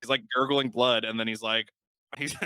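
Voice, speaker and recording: Guy rambling about a movie on a podcast, lots of "like", bright smooth voice. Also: mid-range voice, steady tone, moderate pace, no room sound, rough recording. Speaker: podcast co-host. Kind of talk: casual film discussion.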